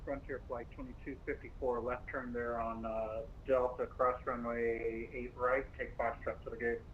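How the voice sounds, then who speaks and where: A man working as an air traffic controller over a tinny radio link, giving clipped instructions with filler pauses. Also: mid-range voice, flat delivery. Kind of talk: radio phraseology.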